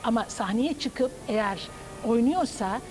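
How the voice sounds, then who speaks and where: Woman, 50s, opera teacher, measured lecturing talker, higher voice, studio lapel mic. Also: animated, music in the background, rough recording. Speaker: opera director and conservatory teacher. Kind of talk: studio TV interview.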